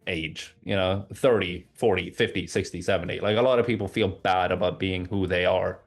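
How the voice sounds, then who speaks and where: Speaking at a normal pace with a low, fairly even voice, this man chats casually as an interview guest. He comes from Oslo, Norway, grew up bilingual in Norwegian and English, and tends to repeat words as he thinks.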